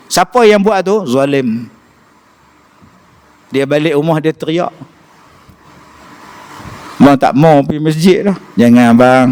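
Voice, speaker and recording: Animated northern Malaysian preacher, clear voice. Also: male voice, a little high. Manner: animated storytelling, acts out voices. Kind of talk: humorous mosque lecture. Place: mosque.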